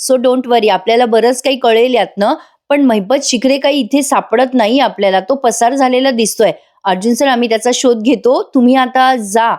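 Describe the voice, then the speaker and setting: Woman reading a calm police inspector. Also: fairly high pitch, normal speed, natural voice. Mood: reassuring. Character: steady male police inspector.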